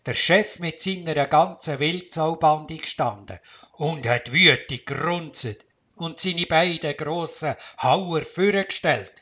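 A man with a Swiss German accent narrating a children's storybook in a calm, measured way. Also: fairly high pitch.

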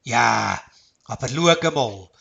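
A man's voice: mid-range voice, expressive, slow pace, gravelly, bright, forceful tone, dull audio, pitched below the performer's own voice, exaggerated voice. A man with a Swiss German accent voicing a younger woodcutter who sounds doubtful and questioning.

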